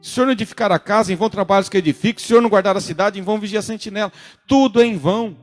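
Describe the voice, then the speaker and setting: Brazilian guy preaching, high voice, gets emphatic, soft guitar behind. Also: fairly even intonation, very fast. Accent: Brazilian Portuguese. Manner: earnest, rising to emphatic urging. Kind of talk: sermon. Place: church service streamed online.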